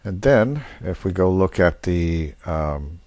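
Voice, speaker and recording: A man leads a methodical, step-by-step software walkthrough on a screen recording, unscripted and matter-of-fact. His low voice is slow but has lively intonation. No room sound is heard.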